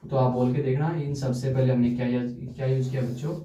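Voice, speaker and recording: A man's voice: mid-range voice, level tone, brisk, dark tone, far from the mic. A man teaching English grammar in a classroom style, asking his students questions and answering them himself. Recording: echoey room, voice from off the mic.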